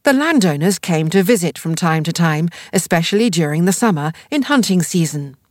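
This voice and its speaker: A woman reading scripted nature documentary narration as an audio guide, in a measured, explanatory way. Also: fairly low pitch, dry recording, studio quality. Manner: measured, explanatory read delivery.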